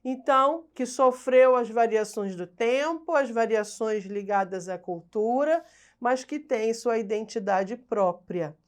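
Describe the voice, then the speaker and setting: Slow-speaking, high-voiced woman teacher. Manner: explanatory, asks rhetorical questions and answers them, frequent "tá?" check-ins; restarts and corrects herself over hard words. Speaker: Portuguese language teacher. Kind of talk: recorded online class lecture.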